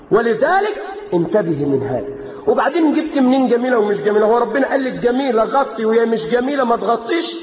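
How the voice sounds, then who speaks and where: An Egyptian man delivers a fiery sermon, mocking excuses and rising to shouts. His voice sits high and the words pour out fast. The recording is muffled lo-fi tape with a long, echoing hall reverb. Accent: Egyptian Arabic. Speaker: preacher. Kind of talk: Friday sermon.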